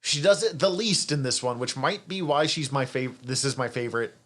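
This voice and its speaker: A man's voice: medium pitch, a little fast, fairly bright tone. A man co-hosting a podcast, chatting casually about a TV series, swearing freely and laughing often. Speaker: podcast co-host. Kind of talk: casual review chat.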